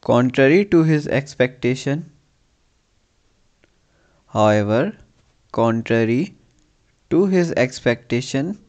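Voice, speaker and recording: A man giving an English dictation as a teacher, reading deliberately phrase by phrase and repeating phrases. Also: mid-range voice, expressive, darkish tone.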